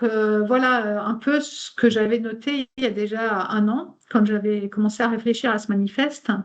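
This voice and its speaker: In an online meeting, a native German speaker gives an informal presentation in French, partly reading from a text. Her voice is a little high, and she's hesitant, pausing often with fillers and restarts.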